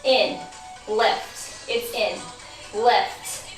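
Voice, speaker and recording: High-voiced woman cueing a workout. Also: steady tone, very slow, far from the mic. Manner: encouraging counted cues. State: losing her voice. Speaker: barre instructor. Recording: roomy, from off mic, faint music.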